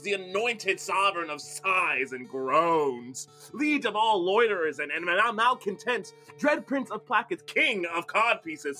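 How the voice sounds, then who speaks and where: A witty young lord, played by a stage actor, declaims his lines slowly and grandly while mocking himself. His bright voice swoops widely. He delivers Shakespeare with a laughing edge. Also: medium pitch.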